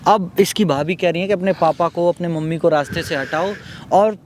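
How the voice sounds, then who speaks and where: A man's voice: fairly high pitch, normal speed, darkish tone, a little hiss or hum. A young male host outdoors on a city street, explaining the situation to the audience and checking in with repeated confirmations. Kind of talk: presenting to the audience.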